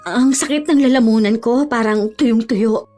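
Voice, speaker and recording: A woman's voice: on the high side, moderate pace, warm tone, soft background music, natural voice. A woman voicing a young wife and fire dancer in a horror radio drama. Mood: ill.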